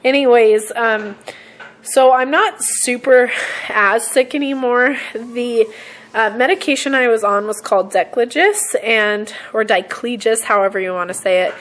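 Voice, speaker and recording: Give me a young woman with a hoarse, cold-roughened voice, pitched a bit high, chatting casually to a camera in her kitchen. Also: fairly even intonation, a little slow, fairly bright tone, low-quality recording. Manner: chatty, rambling with frequent ums and throat-clearing. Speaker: vlogger. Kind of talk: casual vlog chat to camera. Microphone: camera set on a surface.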